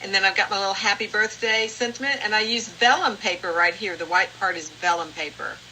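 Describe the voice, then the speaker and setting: A woman's voice: mid-range voice, brisk, bright, forceful tone, slight background noise, rough recording. A woman from the US Gulf Coast talking casually about her crafts as a guest.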